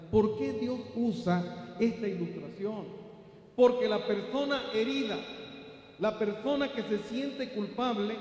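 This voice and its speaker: High-voiced Mexican pastor in echoey hall. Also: male voice. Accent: Mexican Spanish. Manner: preaching, rising to emphatic peaks and dropping to soft asides. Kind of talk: sermon. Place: large church hall.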